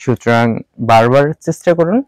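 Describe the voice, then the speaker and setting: A man teaching English pronunciation in Bengali, repeating each sound slowly and mixing in English words. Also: mid-range voice, clear, resonant tone, no echo. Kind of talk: spoken language lesson.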